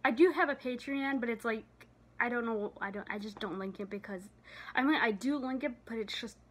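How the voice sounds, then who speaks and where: A woman's voice: a little high, a little fast. A tired, breathless young woman vlogging casually into her phone, rambling with lots of fillers and trailing off. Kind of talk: casual vlog chat. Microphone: phone camera.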